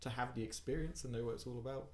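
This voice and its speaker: A man's voice: medium pitch, racing, darkish tone. A man in casual, rambling podcast chat, laid-back and sweary. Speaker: podcast co-host. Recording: roomy echo.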